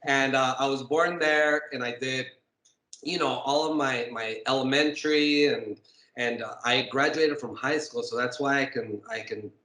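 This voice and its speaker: A man's voice: mid-range voice, normal speed, bright, forceful tone. Laid-back rambling man in an echoey room. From Texas, USA, raised partly in Mexico. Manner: laid-back, rambling, lots of fillers and laughs. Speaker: podcast guest, metal sculptor. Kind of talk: casual interview chat. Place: home room with fans and air conditioning.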